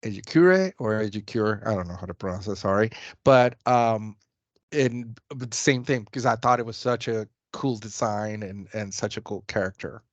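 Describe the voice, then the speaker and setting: A man's voice: on the low side, moderate pace, no room sound. A man co-hosts a casual video chat. He rambles eagerly and often restarts his sentences. The sound is muffled and dry. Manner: enthusiastic, rambling, frequent restarts. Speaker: co-host, comics sales.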